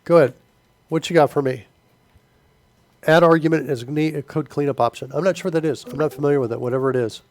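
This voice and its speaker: A man with a stuffy nose hosts a live coding stream, talking fast, pausing often and chatting loosely with viewers, filling his speech with fillers while he answers chat and works. His voice is on the high side and a little mellow, in a dry recording.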